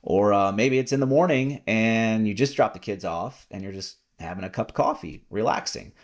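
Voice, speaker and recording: A man with a fairly low voice hosts a podcast in a relaxed, talkative way. He rambles along in casual chat, stacking up fillers and repeating his words as he goes. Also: normal speed. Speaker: podcast host.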